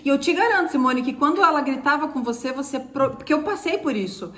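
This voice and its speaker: A woman from Brazil with a high voice, co-hosting a casual mentoring talk. She speaks emphatically and instructively, often addressing her audience straight on. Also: expressive, fast, a bit bright. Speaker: co-host of a mentoring live stream.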